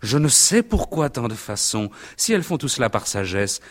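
A man's voice: mid-range voice, sing-song, normal speed. A man voicing a shy, earnest young girl, the innkeeper's daughter, in an audiobook. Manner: timid, earnest.

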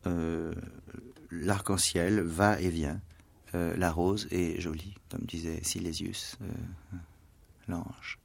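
A male writer giving a radio interview, hesitant, full of fillers and stammered restarts, sometimes dropping to soft asides. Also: sits low, little pitch movement, takes it slowly, gravelly, pauses often, slight background noise. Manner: trails off to soft, near-whispered asides. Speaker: writer and translator being interviewed. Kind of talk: radio interview, musing and literary. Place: radio studio.

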